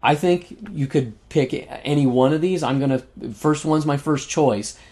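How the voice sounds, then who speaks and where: A man's voice: fairly high pitch, measured pace, darkish tone. Guy on a game podcast going down his list, lots of ums, laughs a bunch, voice a bit worn out. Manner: enthusiastic, laughs often, lists game facts with fillers. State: losing his voice. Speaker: podcast co-host reviewing board games. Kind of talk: casual chat.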